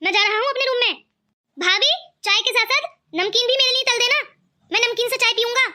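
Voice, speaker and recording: This is a good-natured young man in a cartoon who argues kindly with his mother, with a woman doing the voice. The voice sits very high and sounds bright. He talks in an earnest, pleading way. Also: fairly quick, heavily acted. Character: kind cheerful young man, brother-in-law. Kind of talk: cartoon voice acting.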